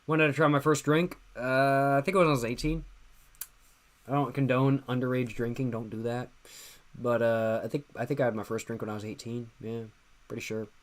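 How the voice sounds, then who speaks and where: A man's voice: medium pitch, fairly even intonation, brisk. A man in his twenties hosting a livestream, tipsy and laid-back, answering chat questions in a slangy way and repeating his phrases. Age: 20s. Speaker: livestream host. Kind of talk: casual livestream chat reading viewer questions.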